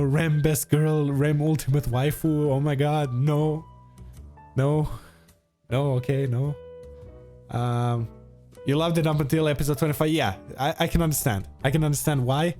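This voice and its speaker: A man's voice: on the high side, fairly even intonation, moderate pace, darkish tone. A man in his twenties with a Croatian accent, chatting casually and with opinions as he answers viewers on a livestream. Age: 20s. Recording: music behind the voice. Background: music.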